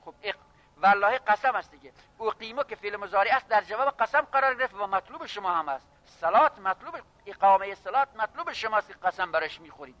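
A man teaching a classroom lesson on grammar, reading phrases slowly and then explaining them briskly while addressing his students. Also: high-pitched, lively intonation, pushed and bright. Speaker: seminary teacher of Arabic grammar.

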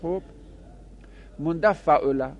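A man teaching a grammar lesson to seminary students, chanting example words slowly and then explaining them in quick asides. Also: on the high side, dull audio. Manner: addresses students directly, with small laughs. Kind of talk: classroom lecture on Arabic grammar.

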